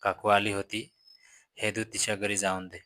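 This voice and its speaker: A man's voice: fairly low pitch, little pitch movement, moderate pace, pushed and bright, dry recording. A man voicing a matter-of-fact mother in a storytelling reading, keeping his own plain voice.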